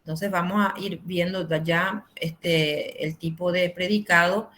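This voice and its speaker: A woman's voice: on the low side, steady tone, takes it slowly, a bit bright, a little hiss or hum. A woman teaching a grammar class over a video call, explaining patiently with simple examples and frequent fillers. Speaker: Spanish teacher.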